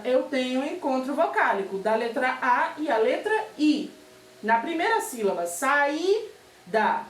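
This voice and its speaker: A Brazilian woman teaching a remote primary school lesson, patiently spelling out examples and checking in with her pupils. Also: high-pitched. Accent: Brazilian Portuguese. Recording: echoey room, far from mic.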